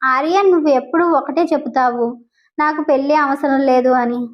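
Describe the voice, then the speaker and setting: A grave older businessman and father figure in an audio story, voiced by a woman reader in a high voice. He speaks in measured appeals, and the recording sounds dull and lo-fi. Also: natural voice. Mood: earnest. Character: stern elderly businessman, guardian figure.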